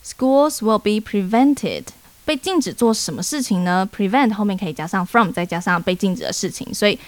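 A young woman with a Taiwanese Mandarin accent co-hosting a podcast, explaining English sentences clearly and joking along. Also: mid-range voice, lively intonation, moderate pace, dry recording. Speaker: podcast co-host teaching English. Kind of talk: casual chat with English lessons.

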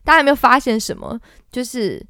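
A woman's voice: on the high side, huge pitch swings, a little fast, bright, forceful tone, dry recording. A woman, hosting a casual singing lesson in a playful, chatty way. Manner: playful, chatty, often laughs and demonstrates. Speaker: podcast host teaching singing.

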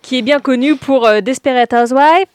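Higher-voiced woman, dry close sound. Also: brisk, smooth, no echo. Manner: chatty, hesitant, many fillers. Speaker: podcast co-host presenting a series. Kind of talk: casual chat.

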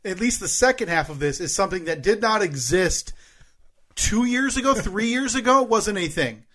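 A man with a slightly raised pitch co-hosts a casual podcast. He jokes in a dry, mock-serious way. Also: expressive, moderate pace, bright, forceful tone. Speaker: podcast co-host. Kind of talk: casual comedic chat.

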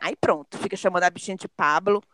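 A woman's voice: lowish voice, fast talker, dry recording. A woman, chatting on a podcast and telling stories with emphasis, acting out the dialogue. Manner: animated, emphatic storyteller who acts out dialogue. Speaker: podcast panelist. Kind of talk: casual chat.

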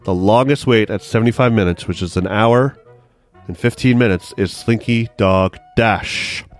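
A man's voice: lowish voice, normal speed, soft background music. A man hosting a casual podcast, chatting about park news and running a guessing game for his co-hosts. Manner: chatty, runs the quiz game. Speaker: podcast host. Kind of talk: casual chat.

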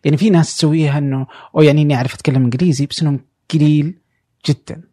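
A man, hosting a casual interview and pausing often to search for words. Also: fairly high pitch, fairly even intonation, dark tone, no echo, clean studio sound. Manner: halting, pauses to search for words. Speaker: podcast host.

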